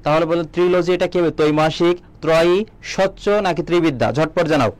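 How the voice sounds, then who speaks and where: A young man runs a live exam-prep lesson, firing quick questions at his viewers and reading their answers aloud. His voice sits a little high for a man, and he keeps a steady teaching rhythm. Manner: quizzing viewers, reading out comments. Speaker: admission coaching teacher.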